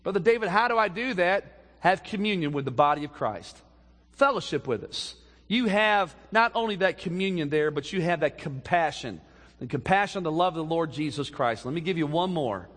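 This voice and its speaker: A man preaching a sermon as pastor, swinging from soft low passages up to loud emphatic peaks. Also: expressive, normal speed, long reverb tail.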